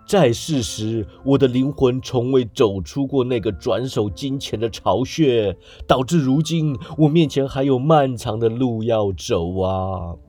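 A man voicing a grieving, chained male ghost who speaks slowly and heavily in a storybook reading. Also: medium pitch, mellow, faint music behind, natural voice. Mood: mournful. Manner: slow, drawn-out, heavy delivery.

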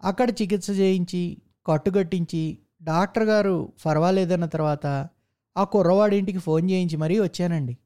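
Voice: mid-range voice, moderate pace, mellow, natural voice. A narrator playing a humble, crafty male office clerk who explains himself politely to his boss. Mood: deferential. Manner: deferential, polite.

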